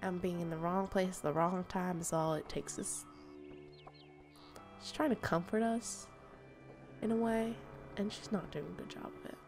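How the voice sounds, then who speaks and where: A woman's voice: lowish voice, fairly even intonation, moderate pace, long pauses, soft background music. Playful woman streamer whispering asides. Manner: playful, drops to soft whispers. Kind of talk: let's play commentary.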